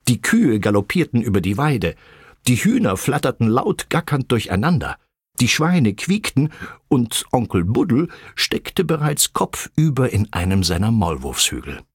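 A man narrating a children's animal story with expressive storytelling. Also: measured pace, breathy edge, dry recording, studio quality. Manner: expressive storytelling with lively pitch.

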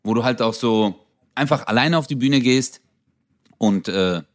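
A man's voice: mid-range voice, a little slow. A man co-hosting a comedy podcast in a loose, casual chat full of slang and fillers. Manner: laid-back, lots of fillers and slang. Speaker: podcast co-host.

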